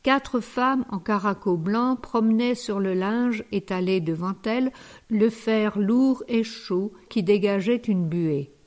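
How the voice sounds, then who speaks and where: A woman reading a classic short story aloud as an audiobook narrator, calm and measured. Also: medium pitch. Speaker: audiobook reader. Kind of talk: scripted narration.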